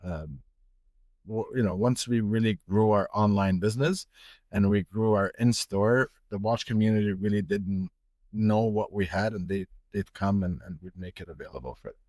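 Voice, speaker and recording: A man's voice: fairly low pitch, moderate pace, darkish tone, dry recording, studio quality. A middle-aged man from Egypt, a watch retailer, talking casually in a podcast interview with many fillers and restarts.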